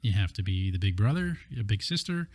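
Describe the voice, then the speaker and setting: A man's voice: lowish voice, fairly quick. Easygoing Hawaii-raised male podcast host. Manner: relaxed, reflective, with frequent fillers. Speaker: podcast host, former police officer. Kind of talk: casual podcast conversation. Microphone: studio microphone.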